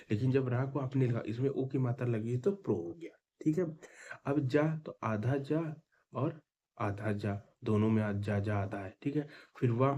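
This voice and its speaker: A young adult man teaching an exam-prep class, breaking each example into small parts and repeating them patiently. His voice is dark and mellow, with a husky edge. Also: medium pitch, dull audio. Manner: patient, repetitive spelling-out.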